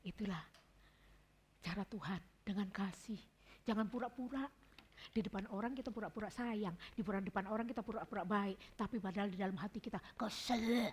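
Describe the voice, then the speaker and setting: A devotional speaker gives an informal talk at a prayer gathering, chatting, sharing personal stories and addressing her listeners affectionately. Her voice is husky and medium-pitched, and she speaks fairly quickly.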